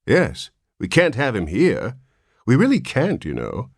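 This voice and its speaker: A stern, no-nonsense nurse, voiced by a male narrator, speaking severely with a lifted pitch and lively rise and fall. The reading is recorded close and dry. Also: unhurried, vocal fry, no room sound, exaggerated voice.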